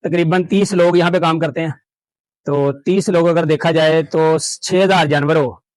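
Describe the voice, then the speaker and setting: Excited man touring a cattle farm. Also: fairly high pitch, normal speed, no echo, rough recording. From Pakistan. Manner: exclaims in delight, coaxes animals softly. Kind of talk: casual walkthrough commentary.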